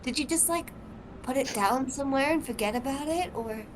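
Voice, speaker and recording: A woman's voice: sits high, a little fast, a little hiss or hum. A woman playing her character in a tabletop role-playing game, talking in a bubbly, casual, teasing way. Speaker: player.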